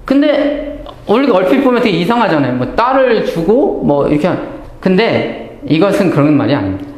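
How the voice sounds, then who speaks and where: A man teaches a Bible lesson in a high, sweeping voice. He keeps asking himself questions and answering them, and acts out the lines he quotes. The room is echoey. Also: brisk. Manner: animated, asks and answers his own questions, acts out quoted speech. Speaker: Bible lecturer. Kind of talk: Bible study lecture.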